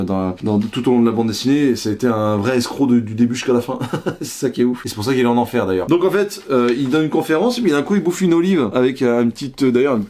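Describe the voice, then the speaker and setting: A man reviewing comic books on his vlog in a loose, chatty way, with a voice at an ordinary middle pitch. He jokes and swears freely and keeps jumping into high, goofy asides. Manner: joking, animated, swears a lot, breaks into silly voices.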